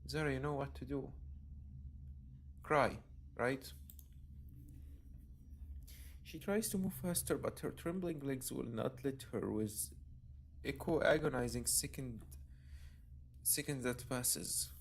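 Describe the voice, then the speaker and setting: A man's voice: mid-range voice, measured pace, pauses often, a little hiss or hum. A man reads a horror visual novel aloud on his stream, lingering over the narration. He breaks into emotional outbursts between passages, in an ordinary mid-range voice. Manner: dramatic reading mixed with emotional outbursts. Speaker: game streamer.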